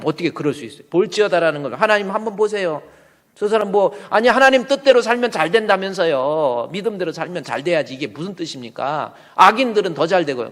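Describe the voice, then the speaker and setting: High-voiced preacher in a reverberant church. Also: male voice. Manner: animated, rhetorical questions to the congregation. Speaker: senior pastor. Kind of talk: sermon. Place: church sanctuary. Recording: long church hall reverb.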